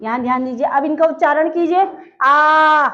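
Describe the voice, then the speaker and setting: A woman's voice: sits high, lively intonation, measured pace, a little hiss or hum. A woman teacher giving a grammar lesson, asking her class questions and answering them herself. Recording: dull lo-fi sound.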